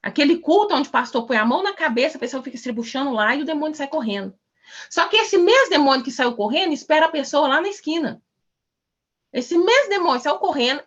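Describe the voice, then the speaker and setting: High, lively woman preaching in a class. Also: lo-fi sound. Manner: emphatic, exhorting, rhetorical questions.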